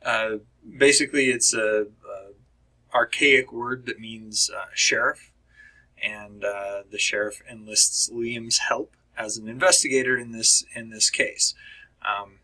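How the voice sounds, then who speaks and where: A man giving a casual spoken book review, halting with many pauses and restarts and often clearing his throat. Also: fairly low pitch, fairly even intonation, bright, forceful tone, low-quality recording.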